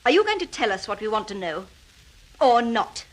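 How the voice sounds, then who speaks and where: An actress playing a weary woman freed from captivity, bitter and quietly vengeful, in a radio thriller. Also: fairly high pitch, sing-song, moderate pace. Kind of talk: scripted radio thriller acting.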